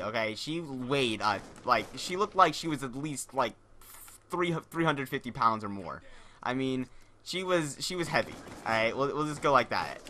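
A man's voice: mid-range voice, sharp tone, slight background noise. A young man hosting his gaming channel, telling a casual story in a rambling, profane way, often repeating and restarting words.

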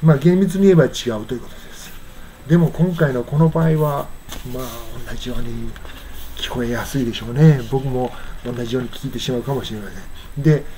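A man with a Japanese accent teaching English pronunciation in a casual spoken lesson, explaining and then saying phrases very slowly. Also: mid-range voice, dark tone. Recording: faint background noise.

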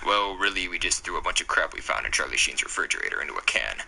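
A man doing a gravelly hard-sell TV pitchman. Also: lively intonation, fast, sharp tone, heavily acted, rough recording. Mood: hyped. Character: slick male TV-commercial announcer. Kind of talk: comedic mock commercial.

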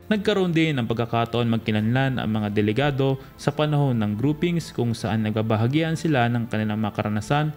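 A man narrating a news report in a steady voice-over. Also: medium pitch, a little fast, faint music behind.

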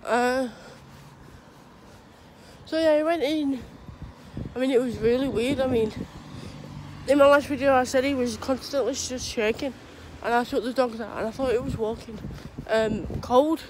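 A young vlogger, congested with a cold, sore throat and runny nose, talks a little slowly in a high, thick-sounding voice. She walks her dogs outdoors on a street, rambling and hesitant, with many restarts and fillers. The clip is recorded on a phone held low at arm's length, with traffic in the background.

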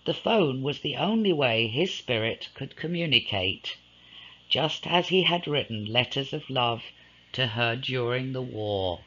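Slow, dramatic male storyteller. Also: mid-range voice, lively intonation, pushed and bright, slightly rough, muffled recording. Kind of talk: scripted ghost-story narration.

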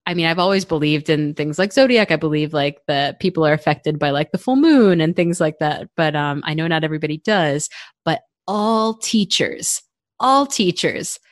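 Chatty low-voiced woman, dry sound. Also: brisk, hardly any pauses, no echo. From United States. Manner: chatty, lots of fillers and laughter. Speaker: podcast co-host. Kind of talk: casual chat.

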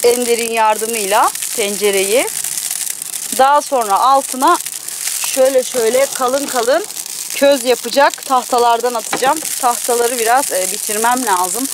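A woman's voice: fairly high pitch, normal speed. A young woman vlogging outdoors in her garden, chatting casually to the camera and cooing sweetly to her pets. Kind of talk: casual outdoor vlog narration. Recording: clear outdoor background noise.

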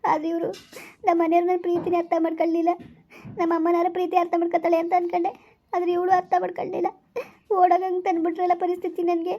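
A woman's voice: extremely high pitch, completely flat delivery, quick pace. A woman playing an anxious teenage girl who has run away with her lover, pleading and fretful. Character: teenage girl Navya, tearful, anxious runaway. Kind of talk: village skit acting. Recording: dull lo-fi recording.

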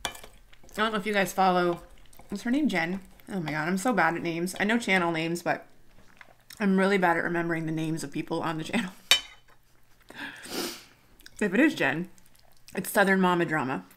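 A woman's voice: lowish voice, moderate pace, pauses often, a bit bright. A woman in her thirties chatting casually to viewers while eating at home, rambling and laughing often. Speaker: mukbang vlogger. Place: home dining room.

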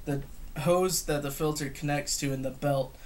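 A young man reviews gear casually at home, unscripted, in a slightly high voice with a steady tone and moderate pace. He sounds hesitant but matter-of-fact. The camera capturing him sits across the table indoors, and the home recording has clear noise and clicks.

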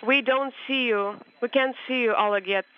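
A man on a space-to-ground radio link, giving brisk, terse call-and-response procedure talk. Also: extremely high pitch. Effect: crackly space-to-ground radio link. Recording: muffled noisy radio feed.

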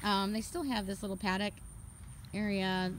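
A woman's voice: medium pitch, fairly even intonation, moderate pace. Chatty woman showing off her horse barn, phone recording, lots of background noise. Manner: chatty, laughs often, lists items as she goes. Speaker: horse owner giving a barn tour. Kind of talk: casual walkthrough narration. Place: horse barn, paddock and tack room, in and out of doors. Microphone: handheld phone camera.

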